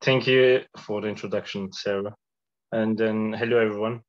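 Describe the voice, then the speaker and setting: A man who is unwell, giving an academic presentation over a video call in a careful, measured way with some fillers. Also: lowish voice, fairly even intonation. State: sick. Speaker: guest lecturer. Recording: dull lo-fi call audio.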